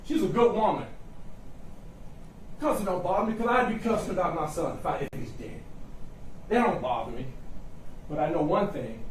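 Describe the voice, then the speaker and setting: A man's voice: high voice, animated, brisk, long pauses. A man, a defense attorney, delivering an impassioned closing argument to a jury in a folksy, emphatic way with short repeated phrases. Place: courtroom, recorded from a distance. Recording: roomy echo, distant mic, faint noise.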